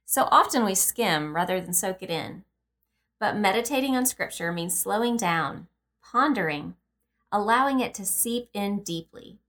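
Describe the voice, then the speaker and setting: A woman with a mid-range voice hosts a devotional podcast, guiding a meditation and reading scripture. She is calm and unhurried, gently instructing, with music playing behind her.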